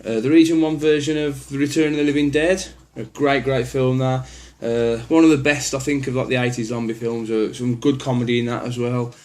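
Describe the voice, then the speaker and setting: A man's voice: mid-range voice, little pitch movement, a little fast, hardly any pauses, darkish tone. A man casually walking through his horror film collection, rambling with many ums and restarts. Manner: easygoing, plainspoken opinions.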